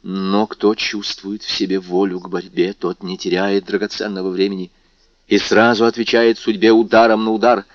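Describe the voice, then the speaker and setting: A man's voice: on the low side, little pitch movement, normal speed, no echo, lo-fi sound, natural voice. A man reading aloud and playing a passionate, determined young man in love, earnest and intense.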